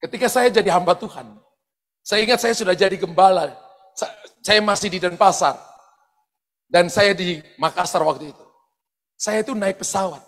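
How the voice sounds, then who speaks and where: A pastor telling personal stories in a sermon, animated, often shouting out quoted lines and laughing as he goes. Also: high voice, moderate pace, pauses often. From eastern Indonesia. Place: large church hall. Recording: long hall reverb from church sound system.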